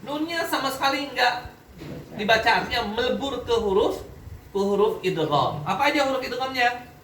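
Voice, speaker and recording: A high-pitched man teaching a Quran recitation class, quizzing students and checking that they follow. He sounds far from the recorder in an echoey room. Faint background noise runs underneath. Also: lively intonation, moderate pace, fairly bright tone. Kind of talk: classroom tajwid lesson.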